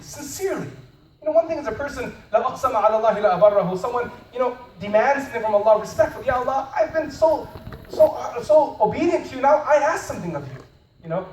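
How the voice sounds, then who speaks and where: Male preacher, quick and lively, dropping to hushed tones for effect; roomy hall sound with a faint hum behind. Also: sits high. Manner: animated storytelling, swings from loud to hushed. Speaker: Islamic preacher. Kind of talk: lecture at a conference. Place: conference hall. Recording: echoey hall from far off.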